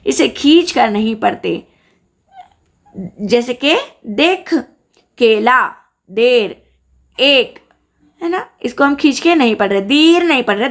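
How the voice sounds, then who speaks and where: A woman teaching a grammar lesson, slowly pronouncing example words with careful stress and repeating them. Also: on the high side, vocal fry, a bit bright.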